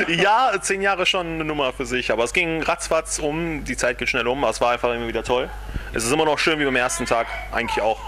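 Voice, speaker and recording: A cheerful man in his twenties teases his bandmates in a casual chat. His voice is bright and forward at a middle pitch. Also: brisk. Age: 20s. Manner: cheerful, teasing. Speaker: bass player.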